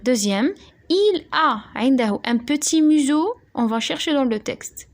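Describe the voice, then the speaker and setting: A young woman teaching a primary school French lesson, dictating slowly and spelling words out letter by letter. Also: sits high, lively intonation.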